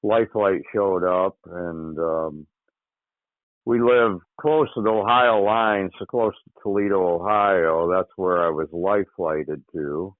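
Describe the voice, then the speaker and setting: Over a tinny phone line, a deep-voiced man from Michigan, USA, recalls a hunting accident as an interview guest, and the recording itself is dry. His casual recollection comes out halting, with frequent pauses and "you know."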